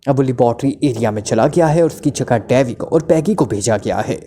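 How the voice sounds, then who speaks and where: A man's voice: medium pitch, a little fast, dark tone, natural voice. A man voicing a terrified, stammering club owner. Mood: talkative. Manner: trembling, stammering, then pouring out details. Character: terrified middle-aged male club owner.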